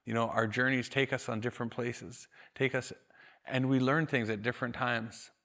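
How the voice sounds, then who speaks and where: A man storyteller quoting his father, an older man speaking softly and with regret. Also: mid-range voice, steady tone, normal speed, natural voice. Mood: regretful. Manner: quiet, soft-spoken.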